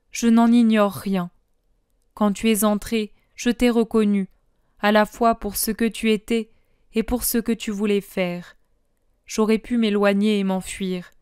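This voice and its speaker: A woman voicing Jesus as a calm, merciful man who speaks tenderly and slowly. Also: medium pitch, clear, resonant tone, no room sound, clean studio sound, natural voice. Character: gentle merciful male Jesus, calm and forgiving.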